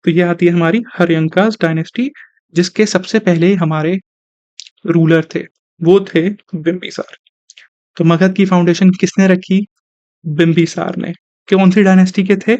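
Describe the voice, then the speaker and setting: A man's voice: high voice, steady tone, a little slow, a little mellow, no echo. A young male teacher gives an online exam-prep lecture, mixing Hindi with terms and asking and answering his own questions. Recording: dry, slightly dull recording.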